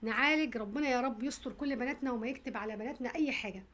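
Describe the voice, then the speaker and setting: A woman's voice: a little high, racing, fairly bright tone. A woman with an Egyptian accent gives an emphatic, lecturing advice monologue, speaking directly to her viewers. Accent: Egyptian Arabic. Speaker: content creator.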